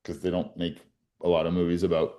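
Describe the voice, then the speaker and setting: This time his delivery is completely flat, though quick, with a low and warm voice. The Colombian-raised defense attorney in his forties reflects earnestly on his story in an interview, restarting frequently.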